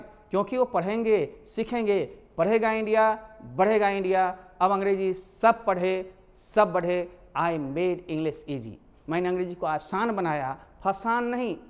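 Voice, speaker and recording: A man teaching a spoken English lesson online, energetic and emphatic as he drills pronunciation out loud. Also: high-pitched, clear, resonant tone, in a large hall.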